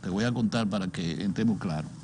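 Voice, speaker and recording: A man's voice: low-pitched, brisk, a little mellow. Older Dominican man, emphatic political talker, faint noise. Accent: Dominican Caribbean Spanish. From Dominican Republic. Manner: emphatic, repeats words, rhetorical questions. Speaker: political commentator on a talk show. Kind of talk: opinionated political discussion.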